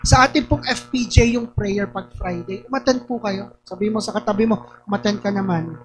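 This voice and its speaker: A woman's voice: mid-range voice, moderate pace, low-quality recording. A young woman pastor from Batangas with a Batangas accent, preaching and telling stories, often raising her voice to act out quotes. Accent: Batangas Tagalog. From Batangas, Philippines. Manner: lively storytelling, often raises her voice in acted quotes. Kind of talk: sermon.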